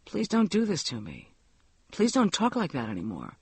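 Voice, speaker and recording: A man voicing a tired, worried husband in an audiobook, low and softly spoken. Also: wildly swooping pitch, normal speed, husky, no echo, heavily acted. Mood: tender.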